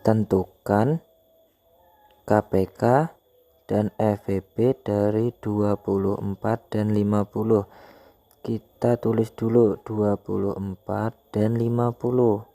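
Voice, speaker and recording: A man's voice: lowish voice, level tone, slow, mellow, no room sound. A man teaching maths to young children step by step, informal and coaxing, often asking and answering his own questions.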